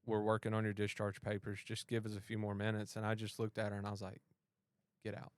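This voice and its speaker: A podcast host who is also a police officer tells a personal story in casual conversation, animatedly acting out both sides of the dialogue. His voice sits fairly low and moves at a quick pace, smooth and free of echo.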